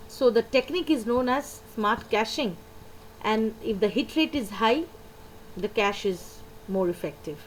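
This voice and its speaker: A woman's voice: a little high, a little hiss or hum, rough recording. A woman, teaching a computer lesson and patiently repeating the key points. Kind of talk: lecture explaining slides.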